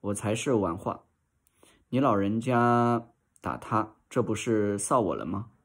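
A man's voice: lowish voice, a little slow, husky. A man reading a teasing young maid. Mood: bantering.

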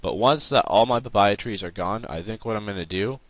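Young adult man, very low voice, rambling, self-deprecating, casual gaming commentary, dry close mic. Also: brisk, dry recording. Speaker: gaming video host. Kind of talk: casual gameplay vlog commentary. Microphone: close mic, voice-over on screen capture.

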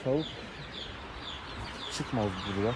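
A man's voice: mid-range voice, slow. A man who keeps poultry, answering questions in a plain, matter-of-fact way with hesitant fillers. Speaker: poultry keeper, garden owner. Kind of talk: casual interview answers. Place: outdoor garden with poultry. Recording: clear outdoor noise with chickens.

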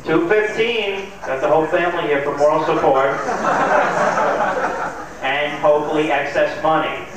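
A man's voice: on the high side, measured pace. A man calling bids as an auctioneer, counting up prices steadily and dropping the odd light aside. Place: large hotel function room with seated crowd. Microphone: handheld mic, heard from far back in the room. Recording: echoey hall, distant camcorder mic, crowd murmur.

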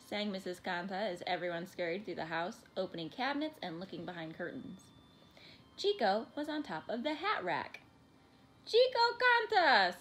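A woman reading a children's picture book aloud in an expressive, animated way. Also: on the low side, slight background noise. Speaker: storybook reader.

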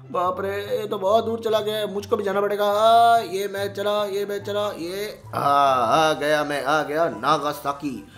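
High-voiced excitable man doing goofy cartoon voices. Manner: excitable, playful, switching between goofy character voices. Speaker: gaming YouTuber. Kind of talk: excited gameplay commentary with cartoon character voices.

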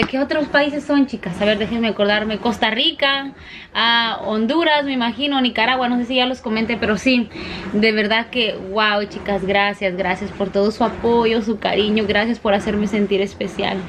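A woman's voice: on the high side, background noise. A woman vlogging from home, chatting casually with her viewers and often addressing them as girls. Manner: chatty, warm toward viewers, often calls them "chicas". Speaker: family vlogger, mother.

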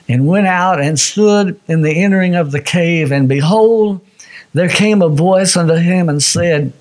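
A fairly high-voiced man delivers a sermon in a folksy, plain-spoken way. He reads scripture with rising fervor and lowers his voice for asides to the congregation. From Missouri, USA. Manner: folksy, rises to loud fervent scripture reading, drops low for asides. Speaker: pastor.

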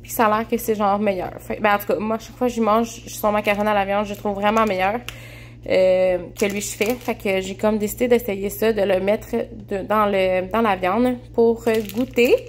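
A woman's voice: medium pitch, fairly even intonation, moderate pace, slight background noise. A young woman with a Québécois accent chatting casually to camera in her home kitchen, full of fillers and restarts. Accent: Québécois French. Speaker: vlogger. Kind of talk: casual meal-prep chat to camera.

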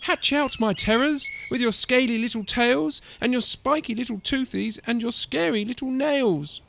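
A man's voice: very high-pitched, moderate pace, creaky, a bit bright, a little hiss or hum, voice pushed up, exaggerated voice. A man voicing a fierce, fussy mother tyrannosaurus from a storybook, melodramatic and scornful. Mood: proud crooning. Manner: grumbling, scolding, melodramatic.

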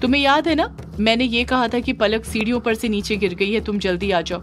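A woman voicing a meek young woman who softly explains herself in an audio drama. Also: on the high side, brisk, faint music behind, natural voice. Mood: apologetic. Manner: soft, explaining.

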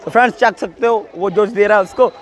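High-voiced man commentating poolside. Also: quick pace. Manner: chatty, calls out encouragement to swimmers. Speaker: vlogger filming a school swimming meet. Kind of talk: casual commentary to camera. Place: outdoor swimming pool at a school competition.

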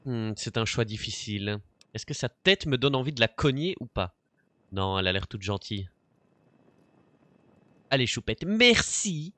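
A man's voice: fairly low pitch, brisk, pushed and bright, no room sound. A man giving crude, joking let's play commentary and talking back to the characters on screen.

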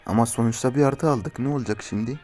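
A young man giving casual commentary as he plays a mobile game, often cursing and yelling at rivals. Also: mid-range voice, fast, faint music behind. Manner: swears and shouts at opponents in frustration. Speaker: gaming YouTuber.

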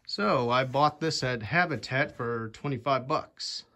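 In an attic or shed with bare wooden rafters, a young fan-collecting channel host rambles through a casual demo, peppered with "anyway"s, his phone held up toward a fan. His mid-range voice is unhurried, bright and forceful.

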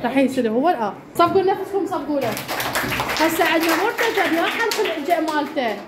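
A woman teacher with an Iraqi Arabic accent, leading a classroom lesson and briskly quizzing pupils by name. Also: extremely high pitch, lively intonation. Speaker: primary school teacher. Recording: echoey classroom with background noise.

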